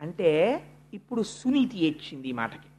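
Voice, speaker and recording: An expressive speaker gives a devotional discourse, retelling a sacred story for listeners. The delivery slows for weighty points and speeds up in the narration. Verses are chanted in a measured cadence. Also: mid-range voice. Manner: expressive, shifting between slow emphasis and quick narration, chanting verse.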